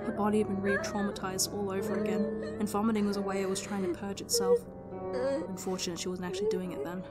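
Over prominent background music, a woman reads her own story dramatically, narrating with emotive intensity. She speaks at medium pitch, animated and quick.

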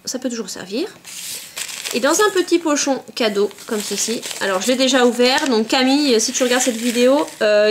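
A woman's voice: on the high side, slight background noise. A woman vlogger chatting casually as she unboxes craft supplies at home, often saying euh and hop. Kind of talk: casual unboxing show-and-tell.

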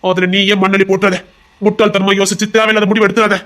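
A man's voice: high-pitched, flat delivery, fast talker, a bit bright. A man playing a desperate young heart doctor. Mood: threatening. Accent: Tirunelveli Tamil. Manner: pleading, insistent, turning threatening. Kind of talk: audio drama acting.

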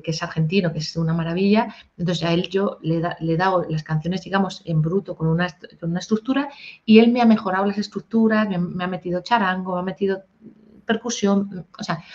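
Woman songwriter chatting in an interview, lively, kinda muffled audio. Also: on the low side. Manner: animated, sings short improvised snippets. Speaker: singer-songwriter and music teacher. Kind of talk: casual interview talk. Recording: dull lo-fi audio.

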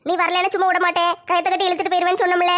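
A woman playing a sharp-tongued, bossy middle-aged mother in a comedy skit, scolding and giving orders. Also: extremely high pitch, completely flat delivery, very fast. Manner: scolding, commanding.

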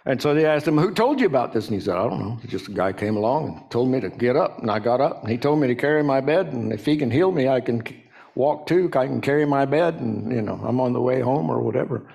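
A man's voice: fast, vocal fry, a little mellow. Folksy male pastor preaching conversationally. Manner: conversational, acts out quotes with sudden high pitch jumps; frequent restarts and folksy asides. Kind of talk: sermon.

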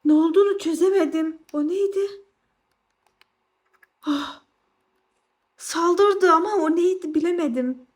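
A young woman chatting casually to viewers while playing a game, excitable and quick to exclaim. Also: very high voice. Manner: excitable, exclaims and squeals often. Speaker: gaming vlogger. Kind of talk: casual gameplay commentary.

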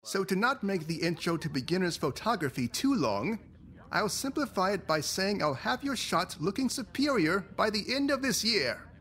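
A game's creepy photography teacher, all syrupy charm. His voice swoops up and down in a lively, sing-song way while staying smooth and ingratiating. Every friendly word sounds a little too pleased with itself. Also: high-pitched, moderate pace, a little hiss or hum. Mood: falsely cheerful. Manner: smooth, falsely chipper, ingratiating. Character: creepy overly cheerful male photography teacher. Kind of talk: video game voice acting.

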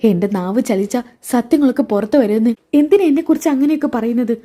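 A woman voicing a frightened young wife who has just discovered her husband's betrayal, talking in high, alarmed bursts. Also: quick pace, dark tone, lightly acted. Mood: distressed.

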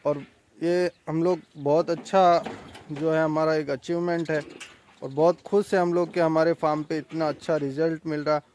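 A young man, a goat farm owner, talking casually outdoors in a boastful sales pitch for his own farm vlog. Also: little pitch movement, moderate pace, a little mellow, slight background noise. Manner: chatty, boastful sales talk.

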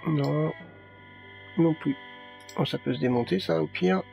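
A man's voice: a little high, unhurried, gravelly, a little mellow, dull audio, soft background music. A man giving casual let's play commentary, muttering and thinking aloud to himself.

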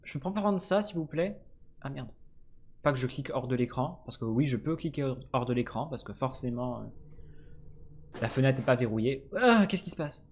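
A man giving casual let's-play commentary, swearing freely and swinging between low mutters and sudden excited shouts. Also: moderate pace, a little hiss or hum. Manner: swears casually, jokey asides. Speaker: gaming streamer.

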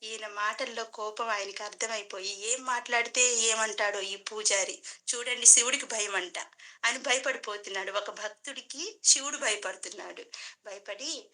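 A woman teacher telling a devotional story as a lesson, lively and explaining with everyday examples. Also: fairly high pitch, normal speed, rough recording.

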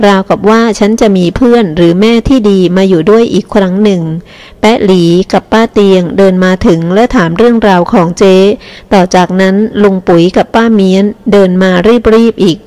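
A woman reading a novel aloud as an audiobook narrator, telling a first-person story in a steady, even way. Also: medium pitch.

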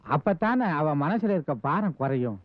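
An actor playing a gentle older father-in-law who speaks slowly and softly, consoling and pleading with his family. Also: on the high side, very animated, no echo. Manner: slow, soft, consoling. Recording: dull, dry old film soundtrack.

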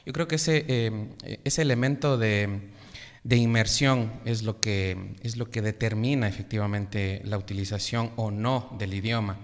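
Man, language teacher on the radio, gravelly voice, long reverb. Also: lowish voice. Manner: measured, professorial, many hesitations. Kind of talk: explanatory radio interview. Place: radio studio.

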